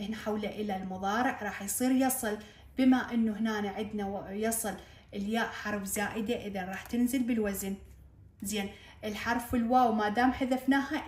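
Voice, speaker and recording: A woman with an Iraqi accent walks students through a grammar lesson, repeating each point and checking that they follow. Her voice sits a little high and rings in an echoey room. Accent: Iraqi Arabic. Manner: repeats key points, checks understanding with questions. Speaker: Arabic grammar teacher. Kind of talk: classroom-style lesson explanation.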